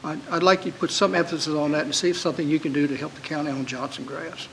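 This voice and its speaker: A man's voice: on the high side, fairly even intonation, fast talker, vocal fry, a bit bright, slight background noise, low-quality recording. A man, a county supervisor pressing his point at a public meeting in an earnest, folksy way.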